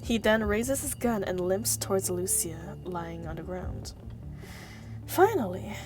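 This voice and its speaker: With a mid-range, expressive voice and an unhurried pace, this woman streams a game to music in the background. She's chatty and giggly, thanking her viewers, reading story text aloud, and letting out playful mock scolds.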